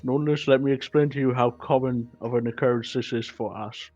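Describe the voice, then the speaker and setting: A man's voice: medium pitch, fairly even intonation, brisk, a little mellow, dry recording, soft background music. A man voicing a brash, battle-worn male adventurer who swears and grumbles in a tabletop role-play, on dull lo-fi audio.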